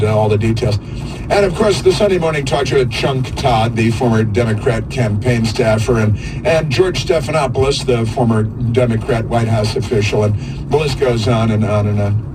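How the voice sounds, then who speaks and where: Sarcastic male talk radio host, noisy audio. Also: medium pitch. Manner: halting, rambling delivery with drawn-out pauses; sarcastic, mocking. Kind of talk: conservative political talk radio monologue.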